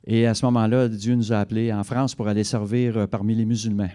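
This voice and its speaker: Mellow-voiced male church interpreter. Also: lowish voice, level tone. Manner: brisk, fluent, occasional self-corrections. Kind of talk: live interpretation into French. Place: church service.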